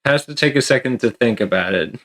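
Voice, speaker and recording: A man's voice: mid-range voice, expressive, a little fast, a bit bright. Rambling, laughing male game master. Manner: rambling, laughs often, many fillers. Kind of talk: narrating a tabletop game.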